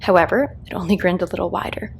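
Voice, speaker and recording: A woman narrating a children's story as a read-aloud host, in a calming, expressive storytelling style. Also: fairly low pitch, fast talker, creaky, slight background noise.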